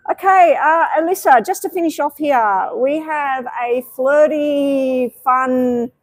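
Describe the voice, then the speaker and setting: A woman's voice: sits high, takes it slowly, no room sound, poor audio. A woman giving tarot readings on a live stream, chatty and meandering, with many fillers. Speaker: tarot reader.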